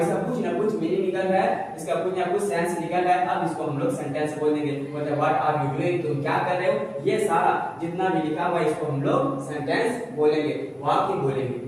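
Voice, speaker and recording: A man's voice: sits high, a little hiss or hum. A man teaching a basic English lesson, who keeps asking questions and answering them himself. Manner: repetitive, asks and answers his own questions. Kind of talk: classroom lesson explaining grammar. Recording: echoey room heard from a distance.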